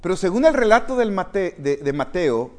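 A man preaching a sermon to his congregation, addressing them directly and swinging from quiet reflection to loud, emphatic calls. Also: sits high, sing-song, normal speed. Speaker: pastor.

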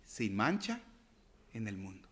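A man's voice: fairly low pitch, wildly swooping pitch, measured pace, slight background noise. A male pastor preaching a sermon, firing rhetorical questions and swinging between raised emphasis and near-whispered asides.

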